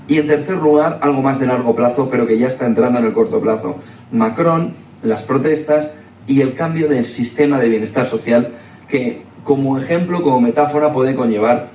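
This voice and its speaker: Male commentator, mid-pitched voice, roomy distant recording with faint noise. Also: darkish tone. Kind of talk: spoken weekly news commentary. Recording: echoey room, distant mic, faint noise.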